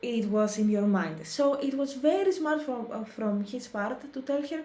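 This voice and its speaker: Woman, reaction host, casual commentary, mellow voice, slightly high, echoey room. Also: lively intonation, normal speed. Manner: thoughtful, restarts and hesitates often.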